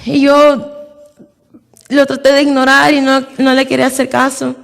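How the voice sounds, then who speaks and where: A young woman gives a church testimony in a high, gravelly voice that stays quite level. She speaks slowly and haltingly, often restarting her sentences. The sound carries a long, echoing church-hall reverb. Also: level tone. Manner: slow and halting, with many repeated openings. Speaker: church member giving testimony. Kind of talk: personal religious testimony.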